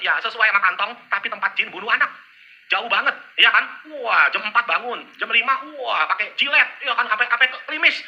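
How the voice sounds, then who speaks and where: A man giving a motivational business seminar to a live audience, joking and teasing the crowd with quick asides. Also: high-pitched, pushed and bright.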